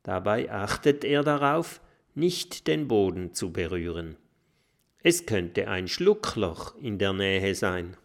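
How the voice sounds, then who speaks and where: A man narrating a children's audiobook with expressive storytelling. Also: on the low side, gravelly.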